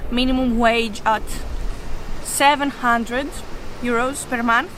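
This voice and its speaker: A woman's voice: fairly high pitch, steady tone, takes it slowly, fairly bright tone, slight background noise, low-quality recording. A woman, speaking frankly and sarcastically in a street interview on a city rooftop. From Greece. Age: 20s.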